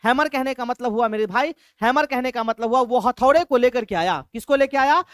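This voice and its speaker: A woman teacher retells a story for exam students, repeating each point and throwing questions to the class. Her voice is high. The sound is dry and close. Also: fairly quick, no echo. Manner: repetitive, asks the class questions.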